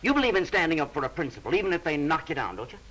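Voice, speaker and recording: Fast-talking, persuasive politician. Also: male voice, fairly high pitch, big pitch swings, a bit bright, a little hiss or hum, rough recording. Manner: persuasive, hurried. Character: smooth-talking, persuasive reform party politician. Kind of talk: 1930s comedy film acting.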